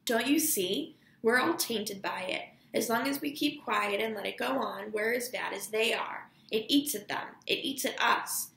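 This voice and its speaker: A woman's voice: fairly high pitch, unhurried, gravelly, hardly any pauses, a bit bright, reverberant. A woman reading aloud the lines of a principled father who speaks his mind fervently. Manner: fervent, outspoken. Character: passionate, principled grown man, a father.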